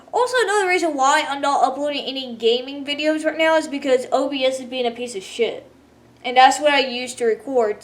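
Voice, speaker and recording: A woman telling a rambling gaming story in a sleepy, casual way, laughing often as she goes. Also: high voice. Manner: rambling, laughs often, quotes others in voices. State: sleepy, yawning. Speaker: gaming vlogger.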